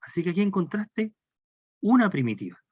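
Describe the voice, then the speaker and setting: Man, Chilean Spanish accent, lecturing, higher voice, dry dull recording. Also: big pitch swings, a little fast, slightly rough, no room sound. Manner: explains step by step, asks rhetorical questions. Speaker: math lecturer.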